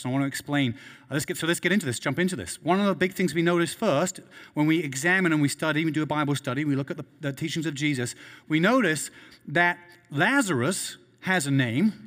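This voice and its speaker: A pastor preaches in an earnest, emphatic way, looping back on his words as he presses each point home. His man's voice sits a little high for a man. A long reverb from a large hall trails every phrase. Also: a bit bright. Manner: earnest, repeats words and restarts while building a point. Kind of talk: sermon.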